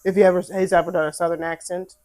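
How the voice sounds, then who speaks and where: A woman's voice: on the low side, level tone, fast, a little mellow. A woman chatting casually on a livestream, teasing and blunt, laughing often. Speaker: livestream co-host. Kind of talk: casual chat reacting to a podcast.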